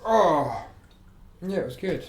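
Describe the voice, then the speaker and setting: A man's voice: fairly high pitch, expressive, slow pace, a little hiss or hum. A man, a podcast guest, telling rambling anecdotes in casual chat. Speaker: podcast guest, business owner and guitarist. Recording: roomy echo.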